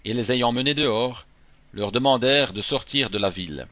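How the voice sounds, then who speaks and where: A man giving a scripted Bible reading in a measured, even delivery, phrase by phrase. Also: medium pitch, dry recording. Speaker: scripture reader. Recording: dull, dry close recording.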